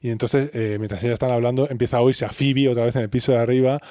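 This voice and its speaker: A man's voice: medium pitch, steady tone, rapid-fire, dark tone, no echo, clean studio sound. A man co-hosting a casual podcast, recapping an episode and acting out the characters' lines in put-on voices, laughing often. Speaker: podcast co-host.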